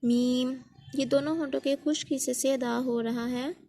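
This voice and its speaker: A woman's voice: high-pitched, fairly even intonation, normal speed, creaky, mellow. A woman teaching Quran letter pronunciation, speaking patiently step by step and repeating each sound as a model for learners.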